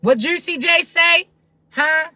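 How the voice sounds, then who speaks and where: A woman's voice: extremely high pitch, slow, pushed and bright, dry recording. A woman spiritual reader giving a blunt, profane, preachy pep talk to viewers on a livestream.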